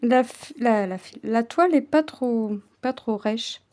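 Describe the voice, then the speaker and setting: In an unhurried, slightly high voice, a woman talks casually as she does cross-stitch. She frequently stumbles over words and drops into quiet, whispered asides.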